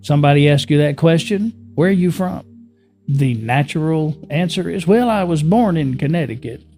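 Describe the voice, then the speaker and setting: A man with a slightly high, lively voice and warm tone speaks at a moderate pace over soft background music. Born in the US Northeast and raised in California, he gives an unscripted, casual spiritual teaching to camera, often repeating himself, chuckling, and posing rhetorical questions to the listener.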